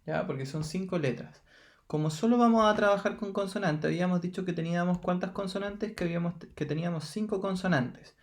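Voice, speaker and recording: Man, Chilean accent, math teacher, patient step-by-step explaining, slightly high voice, gravelly. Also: fairly quick. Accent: Chilean Spanish. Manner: patient, steps through counting aloud with frequent "ya". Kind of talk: recorded lesson explaining exercises.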